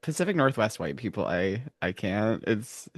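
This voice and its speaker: A woman's voice: a bass voice, normal speed, no echo, studio quality. A woman hosting a podcast, chatting casually and reacting with frequent laughter. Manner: laughs often, lively reactions. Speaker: podcast host. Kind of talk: casual chat.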